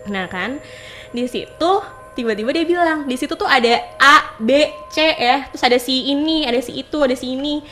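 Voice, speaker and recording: Young woman, casual ghost story, animated, acts out quotes, highish voice. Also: normal speed, a little hiss or hum. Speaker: guest storyteller.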